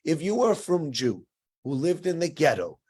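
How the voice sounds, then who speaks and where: A man's voice: a little high, very animated, moderate pace, a little mellow, breathy edge. A man teaching the weekly Torah portion to a small group, conversational and full of rhetorical questions. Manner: conversational, rhetorical questions, acts out quoted exchanges. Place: synagogue room with listeners.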